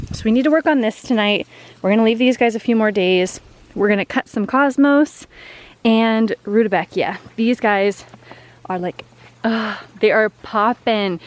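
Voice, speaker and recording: A woman flower farmer chatting casually to the camera while she harvests outdoors, upbeat and full of "like" and "um". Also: medium pitch. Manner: chatty and upbeat, lots of fillers like "like" and "um". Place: outdoors in a flower field on a farm. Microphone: camera set low on the ground.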